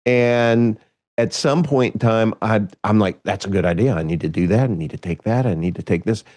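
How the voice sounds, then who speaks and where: A man's voice: on the low side, normal speed, a little mellow, no room sound. A man from Kansas hosting a casual podcast chat, rambling and restarting his sentences and chuckling often. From Kansas, United States. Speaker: podcast host. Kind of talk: casual conversation.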